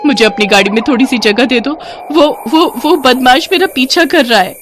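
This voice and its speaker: A woman voicing a young witch disguised as a frightened bride in an animated story, with tearful, coaxing pleas. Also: sits high, moderate pace, background noise, voice pushed up, natural voice.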